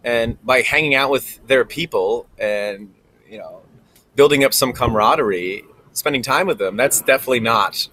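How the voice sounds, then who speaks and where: A man's voice: medium pitch, fairly bright tone, slight background noise, rough recording. Man musing aloud to camera. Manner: conversational, thinking aloud with frequent ums. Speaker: vlogger. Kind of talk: reflective monologue to camera. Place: recording alone in front of a camera.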